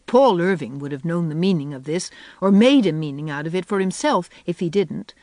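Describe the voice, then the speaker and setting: An audiobook narrator reading a classic story in an even, measured storytelling way. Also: medium pitch, no room sound. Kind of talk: scripted narration.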